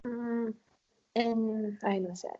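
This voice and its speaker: A woman's voice: a little high, fairly even intonation, extremely slow, mellow. A woman, an English speaker, answering casually in learner's Spanish and searching for words. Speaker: professional footballer being interviewed. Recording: dull lo-fi audio.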